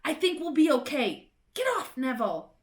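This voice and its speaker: A woman voicing a tense young schoolboy in a storybook reading, speaking in a hushed, urgent way. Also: high voice, very animated, normal speed, pitched above the performer's own voice.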